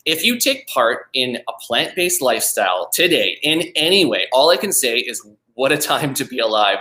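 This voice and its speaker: A man's voice: mid-range voice, bright, forceful tone. A man hosting an interview podcast, upbeat, often repeating words as he frames his questions. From Canada. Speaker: podcast host.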